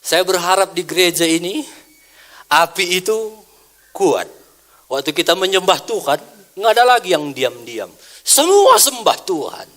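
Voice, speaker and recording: A pastor preaches with a lively voice that climbs and falls across a wide span. He sits a little high for a man. He moves from quiet, close asides to loud, ringing exclamations. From Indonesia. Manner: animated preaching, swinging between soft asides and loud exclamations. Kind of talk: sermon.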